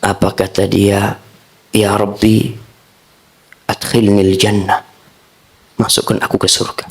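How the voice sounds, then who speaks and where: A man preaching a storytelling sermon, acting out the dialogue in sudden high and low voices. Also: little pitch movement, takes it slowly, gravelly. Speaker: Islamic preacher.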